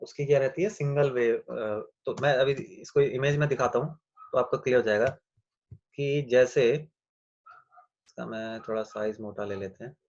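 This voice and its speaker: A man teaching a class over a video call, explaining slowly and answering his own questions. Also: medium pitch, fairly even intonation, a little mellow, dull audio. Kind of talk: online class lecture.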